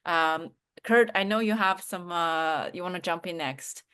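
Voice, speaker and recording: A woman's voice: fairly low pitch, a little slow, bright, forceful tone, clean tone. Woman co-host thinking aloud. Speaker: podcast co-host. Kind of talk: panel discussion.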